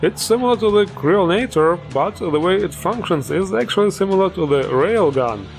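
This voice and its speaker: A man's voice: high-pitched, expressive, normal speed, creaky, soft background music. A man hosting a game mod showcase, upbeat and joking, with plenty of enthusiasm. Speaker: host.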